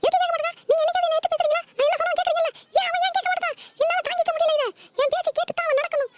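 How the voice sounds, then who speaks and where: A woman voicing a bossy, domineering middle-aged mother in a cartoon, who talks quickly and scolds. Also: very high voice, steady tone, slight background noise, pitched above the performer's own voice. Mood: angry.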